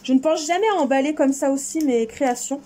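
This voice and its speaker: Talking fast in a high, dark-toned voice, a woman vlogger opens a haul of craft supplies. Her chatter is eager and casual, full of frequent exclamations.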